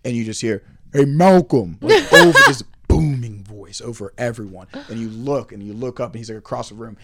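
A man's voice: lowish voice, a little fast. A young man, a former class president, chatting casually as a podcast guest, telling rambling, self-interrupting stories. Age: young adult. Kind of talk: casual storytelling chat.

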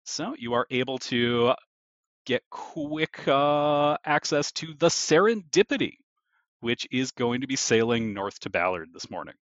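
A man's voice: mid-range voice, lively intonation, unhurried, fairly bright tone, dry recording. A man narrating a tabletop game as game master, in a descriptive, easygoing manner. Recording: dull lo-fi audio.

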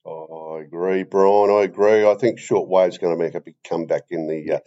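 An older Australian man with a deep voice hosts a comedy podcast chat, rambling in a halting, deadpan way. The recording sounds slightly dull.

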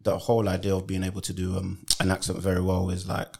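A man, an actor, chatting casually on a podcast in a relaxed way, full of "you know" and "man". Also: low voice, quick pace, vocal fry. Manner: relaxed, laid-back, many fillers like "you know" and "man". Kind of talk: casual chat.

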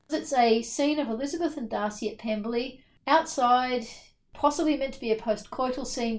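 A woman co-hosting a book podcast, talking in a chatty, opinionated way with emphatic repeats. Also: on the high side. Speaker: podcast co-host. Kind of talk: casual book discussion.

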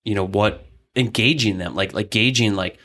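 A wrestling coach, appearing as a guest on a podcast, tells his story casually in an interview. His lowish, slightly bright voice moves at normal speed, and the telling is loose and rambling, full of fillers and restarts.

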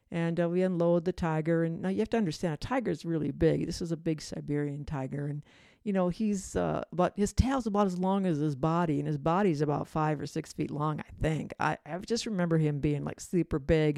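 A woman's voice: sits low, creaky, a little mellow, dry recording, clean studio sound. A middle-aged woman hosting a storytelling show, talking casually and rambling with many fillers and restarts. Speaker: host and storyteller.

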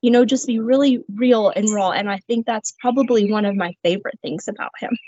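A woman's voice: a little high, fairly quick, mellow, breathy edge, dry recording. A woman, a guest on a faith podcast, telling her personal testimony in an earnest, reflective way, with light laughs. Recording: slightly muffled, dry sound.

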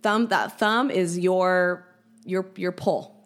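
Lively woman educator on a podcast. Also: fairly low pitch, slow pace. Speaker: educator guest. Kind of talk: podcast interview.

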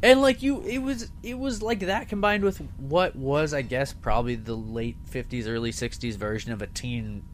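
A man co-hosting a casual podcast chat, giving critical opinions in halting sentences full of restarts. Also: mid-range voice, a little hiss or hum. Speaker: podcast co-host reviewing a movie episode.

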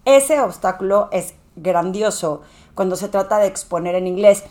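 Mexican lady speaking coach, just chatting away casually, lots of "eh"s, medium pitch. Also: normal speed. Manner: conversational, animated, frequent "eh" fillers. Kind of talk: casual monologue.

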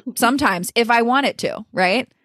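A woman's voice: fairly high pitch, fairly quick, fairly bright tone, no echo, clean studio sound. A woman voice coach speaking as a guest in an interview, talking in a thoughtful, flowing way with frequent "like" and "you know" fillers. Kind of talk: reflective interview talk.

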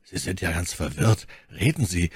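A man voicing a calm, phlegmatic male musketeer who speaks in a hushed, measured way. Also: low voice, breathy edge, no echo, studio quality, exaggerated voice.

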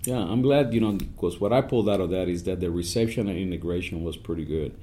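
A man, speaking as an Army command sergeant major guest in an upbeat, animated podcast interview. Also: low voice. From Puerto Rico. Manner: upbeat, animated, speeds up and slows down.

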